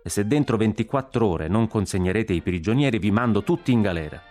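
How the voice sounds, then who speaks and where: A man's voice: fairly low pitch, animated, fairly quick, a little mellow, faint music behind. A man voicing an inflexible American governor, curt and commanding. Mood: stern.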